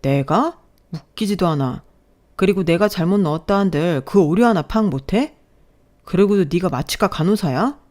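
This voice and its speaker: A woman's voice: deep voice, animated, normal speed, darkish tone. A woman reading as a sneering young male resident doctor. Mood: bossy. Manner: mocking, bossy, condescending.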